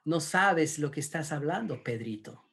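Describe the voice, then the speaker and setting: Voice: medium pitch, lively intonation, moderate pace, a bit bright. A preacher voicing Jesus as a grown man giving a firm, knowing rebuke. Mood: rebuking.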